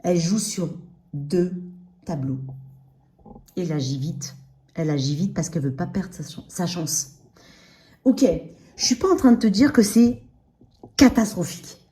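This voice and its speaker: Her voice low and dark with lively intonation, a tarot reader speaks unhurriedly and leaves long pauses. She gives a casual reading directly to the listener, checking in often with short tags, her dental braces slightly slurring her words.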